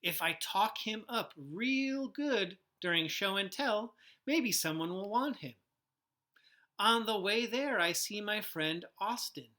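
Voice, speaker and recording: A high-pitched male teacher reads a storybook aloud to children, expressive and deliberate, adding asides and questions for his listeners.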